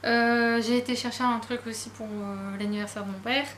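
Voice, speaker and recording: Chatty woman, higher voice, echoey room. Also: fairly even intonation, normal speed, a bit bright, slight background noise. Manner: chatty, self-deprecating, many fillers. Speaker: book vlogger. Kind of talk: casual book haul chat.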